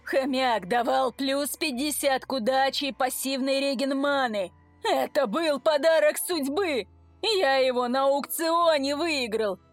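A woman's voice: high-pitched, animated, a little slow, dry recording, soft background music. A woman voicing a big, tearful businessman and ex-convict gamer who bellows in prison slang. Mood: desperate. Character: burly sobbing businessman, ex-convict gamer, man.

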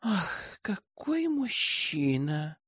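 A male narrator voicing an airy, dreamy young woman in an audiobook, breathy and sighing. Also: very high-pitched, sing-song, unhurried, a bit bright, no room sound, studio quality, pitched above the performer's own voice, full character voice.

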